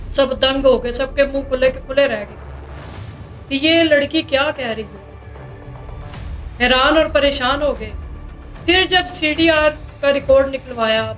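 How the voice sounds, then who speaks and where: A woman news anchor retelling a crime story dramatically and speaking directly to her viewers. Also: high-pitched.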